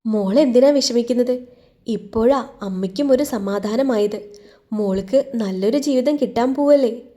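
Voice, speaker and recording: A woman's voice: fairly high pitch, normal speed, dark tone, close to an everyday voice. A woman voicing a loving middle-aged mother who speaks soothingly and affectionately. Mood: tender.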